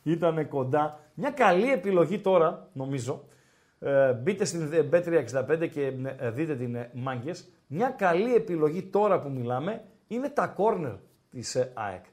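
A man hosting a casual podcast chat over a live match, giving betting picks with teasing remarks and drawn-out hesitations. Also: fairly high pitch, sing-song, a little mellow. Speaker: podcast host and betting tipster.

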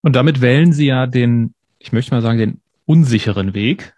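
A man hosting a podcast, asking measured, probing interview questions. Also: mid-range voice, darkish tone, no echo, muffled recording. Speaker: podcast host.

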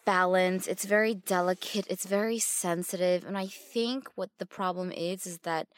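A woman's voice: on the low side, steady tone, moderate pace. A woman co-hosting a podcast, speaking earnestly and reflectively, often restarting her sentences. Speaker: podcast co-host. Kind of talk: casual conversational podcast.

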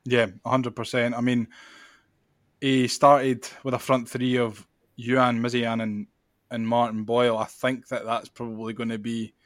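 Scottish man, fairly flat pitch, dry sound. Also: a little slow, dry recording. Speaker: podcast host. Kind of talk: casual football chat.

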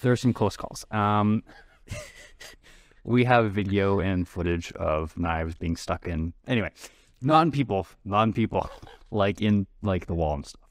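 A man co-hosting a casual podcast, talking quickly and tripping over his words as he rambles. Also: low voice, lively intonation, dry recording, clean studio sound. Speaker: podcast co-host. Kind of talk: casual chat.

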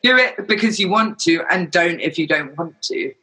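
A man with a fairly high, sharp and forceful voice that has a raspy edge. He chats casually and frankly, explaining his point and slipping into imagined quotes. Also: lively intonation, moderate pace, rough recording. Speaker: charity volunteer. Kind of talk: casual chat.

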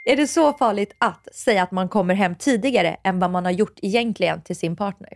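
A woman in her thirties hosting a casual podcast chat, a lively storyteller who acts out her friends' lines. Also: mid-range voice, vocal fry, a little hiss or hum. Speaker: podcast host.

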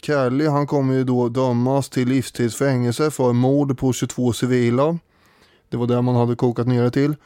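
A man co-hosts a casual history podcast in a warm, mellow voice. He speaks thoughtfully, stopping often on fillers as he works out his points. The sound is close and dry, with no room around it. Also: medium pitch, level tone, clean tone, no echo. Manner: thoughtful, hesitant with many fillers. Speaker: podcast co-host.

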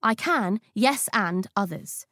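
A woman's voice: medium pitch, expressive, slow pace, pushed and bright, no echo, clean studio sound. A woman reading her essay aloud for an audiobook, in a playful, witty and slangy manner.

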